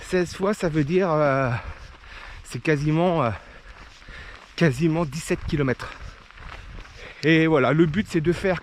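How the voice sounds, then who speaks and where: A man's voice: fairly high pitch, a little mellow, a little hiss or hum. A man chatting to the camera as he runs hill repeats outdoors in the rain, casual vlog style. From France. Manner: chatty, talking to camera between climbs. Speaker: trail runner vlogger. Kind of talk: casual vlog while running.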